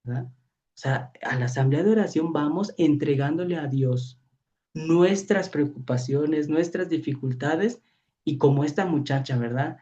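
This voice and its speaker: A priest with a Mexican Spanish accent, preaching in a storytelling way, acting out voices and often asking "¿verdad?". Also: male voice, a little high, a little slow, dark tone. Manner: storytelling, acts out voices, frequent rhetorical "¿verdad?". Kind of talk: preaching to a youth training session. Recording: dull lo-fi audio.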